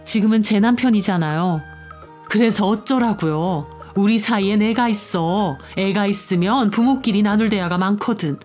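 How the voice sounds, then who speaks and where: A woman's voice: medium pitch, moderate pace, a little mellow, soft background music, natural voice. A woman voicing a rude, condescending middle-aged ex-wife who mocks and talks down. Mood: scornful. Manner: condescending, mocking, casual speech.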